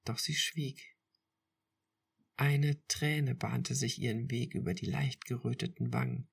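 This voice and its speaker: Slow, gravelly woman reading a story. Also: rumbling low, sing-song. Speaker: podcast reader. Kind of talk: first-person romance story reading.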